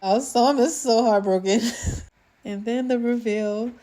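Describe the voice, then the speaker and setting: A woman's voice: on the high side, takes it slowly, dark tone. A woman giving a casual, gushing recap of a TV drama episode, talking chattily to her viewers.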